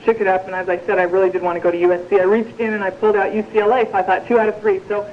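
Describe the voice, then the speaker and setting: A woman's voice: medium pitch, level tone, racing. Brief: woman speaker at a recovery meeting, dry humor, casual, dull lo-fi tape with faint hiss. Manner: conversational, wry, many "you know"s. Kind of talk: personal testimony talk.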